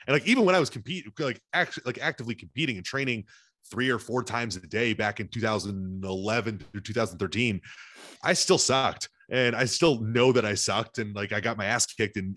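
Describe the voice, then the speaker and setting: Fast-talking male podcast co-host. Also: on the low side, a bit bright. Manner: rapid, rambling, self-deprecating. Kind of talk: casual podcast chat.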